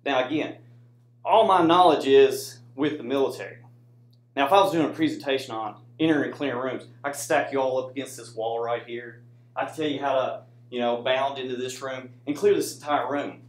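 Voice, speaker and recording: With a mid-range voice, fairly even intonation and a brisk pace, an American man presents informally with slides in a classroom setting. The soldier and student presenter talks conversationally to his indoor audience, frequently asking "right?", amid echoey acoustics.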